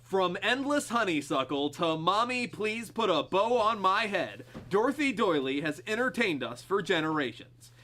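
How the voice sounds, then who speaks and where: A man doing a salesy TV pitchman. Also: very animated, normal speed, hardly any pauses, bright, forceful tone, full character voice. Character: smooth male TV spokesman in a suit.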